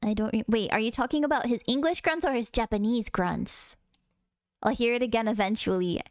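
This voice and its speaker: A woman's voice: on the high side, fairly quick, no echo, clean studio sound. A woman streaming a game, chatting in a bubbly, casual way with frequent swearing. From United States. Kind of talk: casual gaming stream chat.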